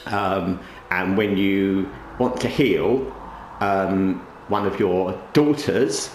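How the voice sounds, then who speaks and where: A man's voice: sits low, extremely slow, soft background music. A man hosting a gaming channel in casual, rambling commentary, talking with a towel over his head. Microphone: microphone under a towel draped over the head. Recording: roomy echo, faint background noise.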